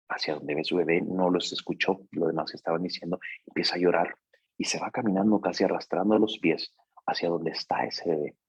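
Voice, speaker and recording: A man telling a personal story in a talk, hesitant, with fillers and repeated words, going soft at the sad parts. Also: sits low, slightly rough, no echo. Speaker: life coach. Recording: dull, dry, lo-fi recording.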